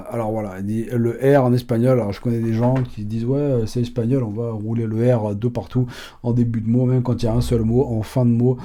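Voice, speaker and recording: Casting: man, mellow low-bright voice, casual rambling language teacher full of fillers. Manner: rambling, many fillers and restarts. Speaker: Spanish teacher. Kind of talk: casual online language lesson.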